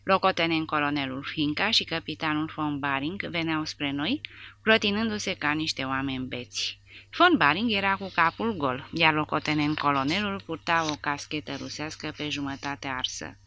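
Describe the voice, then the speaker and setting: A woman narrating a war novel audiobook with a dramatic, expressive reading. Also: sits low.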